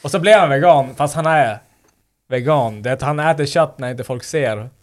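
A man in casual chat who teases and rambles, often restarting his sentences. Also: medium pitch.

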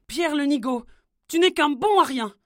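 A woman's voice: very high voice, quick pace, pushed and bright, dry recording, studio quality, voice pushed up. A woman voicing a harsh, scornful widowed mother in a children's storybook reading.

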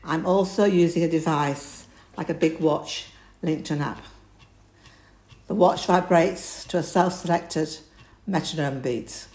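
A woman reading out a prepared account in a plain, steady way. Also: sits low. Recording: echoey room.

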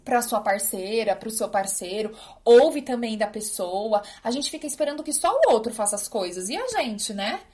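A woman with a slightly high voice hosts a casual live Q&A. She is blunt and animated, throwing in exasperated asides as she answers her followers. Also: normal speed, few pauses. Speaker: host answering follower questions.

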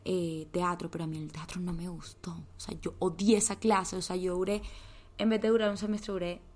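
Chatty young Colombian woman, low voice. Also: flat delivery, a little fast, darkish tone. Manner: chatty storytelling with slang and swearing. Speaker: podcast co-host. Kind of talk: casual podcast chat.

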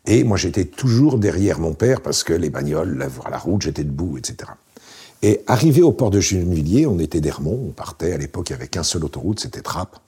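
A man's voice: deep voice, brisk, husky. A man in his late sixties, an interview guest telling wry, rambling anecdotes in casual conversation. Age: 60s. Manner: relaxed, wry, anecdotal with frequent fillers.

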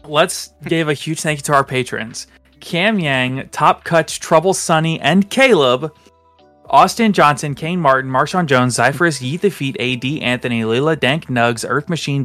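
A young man hosting a casual podcast, reading a list of goofy names aloud and breaking into laughter. His voice sits at an ordinary middle pitch, and faint music plays underneath. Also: animated, moderate pace, a bit bright, no room sound. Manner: reads silly patron names, laughing through them. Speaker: podcast host.

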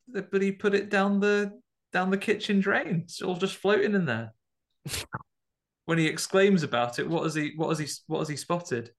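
A man's voice: fairly high pitch, creaky, fairly bright tone. A man, co-hosting a podcast and setting word puzzles in casual chat, hesitant with many ums and chuckles. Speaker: podcast co-host.

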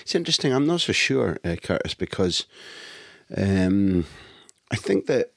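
A man, a football journalist, answering questions in long, thoughtful, halting analysis over a phone line. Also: low voice, big pitch swings, vocal fry, no room sound, studio quality. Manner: thoughtful, many pauses and fillers. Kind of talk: conversational analysis.

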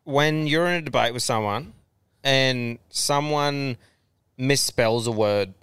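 A man's voice: mid-range voice, takes it slowly, fairly bright tone, clean tone, dry recording, studio quality. An Australian man hosting a podcast in casual, blokey, sweary chat. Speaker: podcast host.

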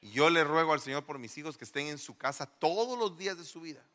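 A middle-aged male pastor giving an animated sermon in a church, firing rhetorical questions at the congregation. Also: on the high side, fast. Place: church hall. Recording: long church reverb.

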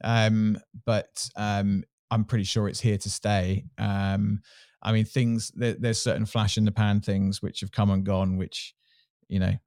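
A man's voice: on the low side, darkish tone, clean tone, dry recording, studio quality. A middle-aged man from Surrey with a southern English Home Counties accent, answering interview questions in a casual, candid, self-deprecating way. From Surrey, England. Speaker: interview guest, sports marketing executive.

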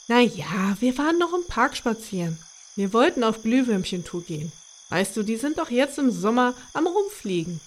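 A woman's voice: on the high side, sing-song, normal speed, slight background noise. Woman voicing a flustered old grandmother. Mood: evasive. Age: older. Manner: hesitant, flustered. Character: worried grandmother, gentle but flustered. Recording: clear background music.

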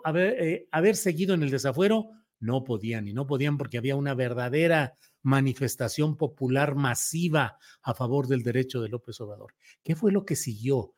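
A man giving solo political commentary, picking apart a text with sardonic corrections. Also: medium pitch. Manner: sardonic, corrects spelling point by point.

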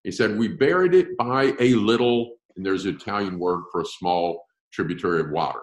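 A man teaching a Bible class, explaining texts with emphasis and slowing down to stress key words. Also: deep voice, reverberant. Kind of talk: classroom-style Bible lecture.

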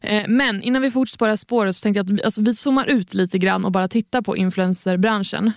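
A woman co-hosting a casual talk podcast, her voice carrying a gravelly, creaky edge. She runs through news recaps in a conversational way. The sound is close and dry. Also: medium pitch, steady tone, dry recording. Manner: briefs listeners with quick recaps of the news. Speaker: podcast co-host.

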